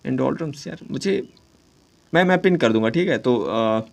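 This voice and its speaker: A man teaching exam idioms in casual Hindi mixed with English, often saying "ठीक है", reading English sentences out slowly and correcting himself as he goes. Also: medium pitch, animated, creaky. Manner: self-correcting, jokes with students.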